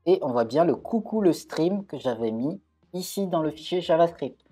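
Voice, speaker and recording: A man's voice: a little high, animated, moderate pace, mellow, slightly rough, faint music behind. A man giving a live-coding tutorial at his computer, thinking aloud with frequent hesitations and self-corrections. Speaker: coding streamer.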